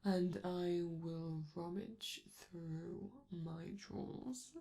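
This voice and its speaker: Heavily acted, a woman's lowish, gravelly, mellow voice stays steady as she portrays a flamboyant, vain robot star in a scripted ASMR roleplay. She fusses gently and dotes theatrically, teasing with endearments and lengthening her words.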